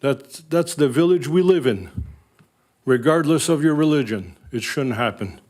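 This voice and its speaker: This older man, a French-first speaker from Northern Ontario, Canada, gives a blunt, earnest public comment to the town council. His French Canadian accent comes through a somewhat high, darkish voice with lively intonation at normal speed.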